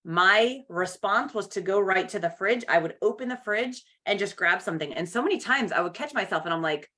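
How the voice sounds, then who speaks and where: A woman's voice: mid-range voice, animated, a little fast, bright, forceful tone. A woman hosting a live coaching call over video, chatty and upbeat, greeting viewers by name. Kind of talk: casual live coaching chat.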